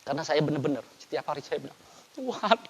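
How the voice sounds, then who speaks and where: An older man, a pastor, preaching a sermon in a lively way with big swings in loudness. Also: fairly high pitch, quick pace, husky. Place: church. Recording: dull, lo-fi church recording with long reverb.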